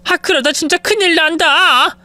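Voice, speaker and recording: A woman's voice: extremely high pitch, moderate pace, bright, forceful tone, no echo, pitched above the performer's own voice. A narrator voicing a frantic older mother-in-law who pleads and wheedles in a spoken-story drama.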